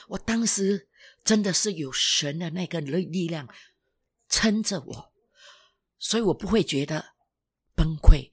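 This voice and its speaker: An older former pastor giving an emotional personal testimony, halting and restarting, sometimes dropping to a whisper. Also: mid-range voice, creaky, slightly rough.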